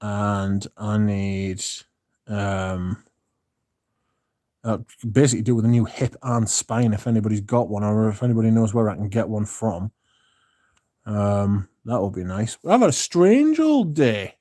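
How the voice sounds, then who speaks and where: A British man in his 30s chats into his phone on a casual livestream, his lowish voice warm, animated and unhurried even though he sounds tired. He's a rambling, sweary streamer who keeps restarting sentences, recorded dry and close with no room echo.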